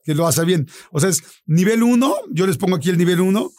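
A man with a Mexican accent hosting a casual podcast chat, animated and jokey, steering his guests. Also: sits high, quick pace, no echo. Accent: Mexican Spanish. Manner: animated, jokey, directing the others. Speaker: host.

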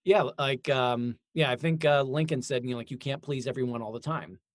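Casting: male author in casual conversation, mid-pitched, informal, rambling, modest, close dry sound. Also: brisk, no echo.

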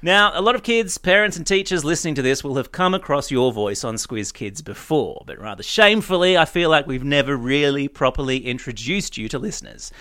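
Lively, bright-voiced male host. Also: a little high, brisk, hardly any pauses. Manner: upbeat, playful presenter. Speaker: podcast host. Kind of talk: podcast hosting and interview.

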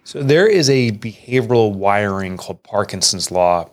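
Speaking at a normal speed, this middle-aged man, an author and entrepreneur, tells an interviewer a personal story with earnest feeling and expressive delivery. Whenever he quotes someone, his pitch shoots upward.

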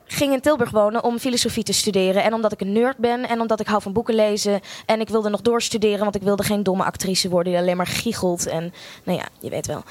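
A woman's voice: mid-range voice, no room sound. Frank young woman telling her story. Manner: frank, sardonic, swears freely; self-mocking humor. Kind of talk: personal storytelling monologue.

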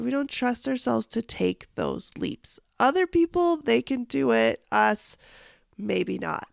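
Woman, gravelly creaky voice, slow pace, casual solo podcast host, encouraging coach, direct address. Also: no echo, studio quality. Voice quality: deep gravelly voice, sounding huskier than usual.

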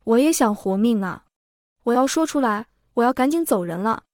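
A fretful middle-aged servant woman, put on by a woman storyteller scolds in a raised voice. Her tone is on the higher side and the recording is dry and close. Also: expressive, normal speed, a little mellow, no room sound, lightly acted. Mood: agitated. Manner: agitated, scolding.

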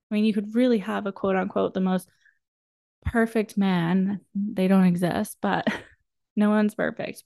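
A woman's voice: mid-range voice, creaky, darkish tone, no echo, clean studio sound. A woman giving a motivational self-help talk as a podcast host, earnest and encouraging, speaking straight to the listener.

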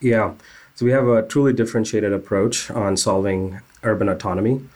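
Deep-voiced man explaining earnestly. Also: fairly even intonation, a little fast, darkish tone. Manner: earnest, technical, with frequent "uh" fillers. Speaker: startup founder. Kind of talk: interview answers.

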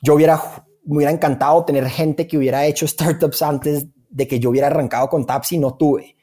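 Speaking briskly in a slightly high, dark-toned voice with fairly even intonation, this Colombian-accented startup founder answers an interviewer's questions. He sounds informal and conversational and often repeats words to emphasize them.

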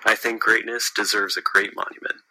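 A man leaving a recorded voice message for the hosts as a listener, pitching himself with playful mock grandeur. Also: steady tone, fairly quick, bright, forceful tone, poor audio. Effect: recorded voice message played on the show. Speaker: listener calling in.

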